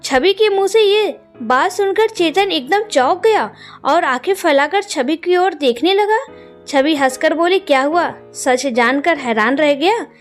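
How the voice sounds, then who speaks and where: Female storyteller, high pitch, suspenseful scripted narration over faint music. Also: lively intonation, unhurried. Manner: dramatic, suspenseful reading.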